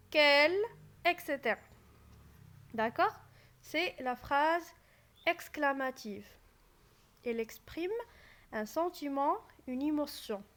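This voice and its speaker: A woman explaining French grammar in a slow classroom style, repeating key phrases and asking the class rhetorical questions. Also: high voice, fairly bright tone.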